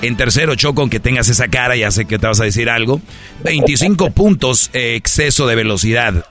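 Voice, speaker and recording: Mexican male host, bright edge, mocking, light music behind. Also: medium pitch, expressive. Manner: mocking, brisk. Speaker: game show host. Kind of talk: reading out game results.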